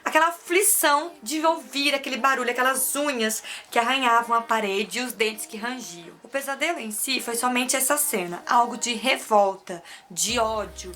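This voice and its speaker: A woman's voice: a little high, normal speed, pushed and bright. A woman earnestly telling a personal story as a vlogger, often asking her listener if they follow. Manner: earnest, emotional, often asks "sabe?".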